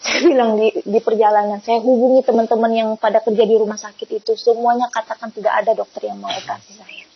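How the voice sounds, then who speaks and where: A woman giving a personal faith testimony, telling her story in an animated way and acting out the quoted voices. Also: a little high, fast talker, a little hiss or hum. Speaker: testimony speaker. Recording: muffled lo-fi recording.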